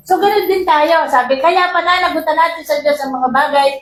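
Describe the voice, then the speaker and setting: A woman's voice: high-pitched, fairly quick, a little hiss or hum. A woman preacher giving a sermon to her congregation, often asking them for agreement and mixing in English Bible quotes. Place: church hall. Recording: roomy echo.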